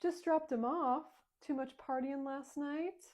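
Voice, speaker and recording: A woman's voice: high voice, unhurried, a little mellow, voice pushed up. A woman playing a fawning principal who gushes in a chummy way. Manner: gushing, chummy.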